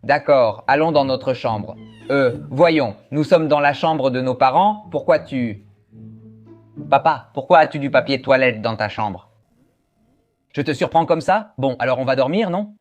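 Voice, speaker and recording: A man's voice: mid-range voice, expressive, measured pace, dull audio, faint music behind. A man playing a horror game aloud as a gaming host, joking and voicing the game's characters. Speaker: gaming youtuber.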